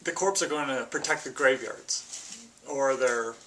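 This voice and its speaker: A young man guest casually explaining his card deck, relaxed, with fillers. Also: medium pitch, measured pace, a little hiss or hum, poor audio. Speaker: guest player.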